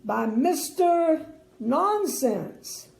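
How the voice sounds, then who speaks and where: An older woman voicing a formal, grand storybook king who makes loud, creaky-voiced proclamations. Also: high-pitched, sing-song, drawn-out words, voice pushed up, heavily acted. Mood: grandly announcing. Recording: roomy indoor echo.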